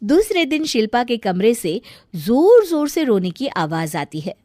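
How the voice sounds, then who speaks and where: A woman narrates a scripted family tale in an expressive storytelling way. Her pitch moves lively, and the sound is dry and close. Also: a little slow, dry recording.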